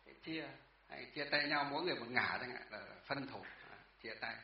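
A man's voice: medium pitch, a little fast, creaky. A man teaching a class about Chinese characters, patient and repetitive, often asking the class questions. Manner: patient, repeats words, asks the class questions. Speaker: Buddhist teacher. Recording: echoey, distant, dull room sound.

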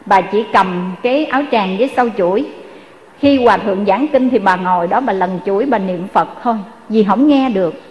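A woman's voice: mid-range voice, a little fast, big-room sound, muffled recording. A woman with a Southern Vietnamese accent telling a Buddhist story in a sermon, earnestly addressing her listeners. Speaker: Buddhist dharma speaker.

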